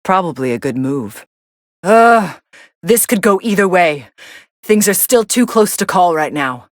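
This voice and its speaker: A woman's voice: fairly low pitch, expressive, unhurried, dry recording. A woman playing a cool, sardonic young female android fighter commentating matches in an anime video game, with a dry, sarcastic delivery. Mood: dry, mildly impressed.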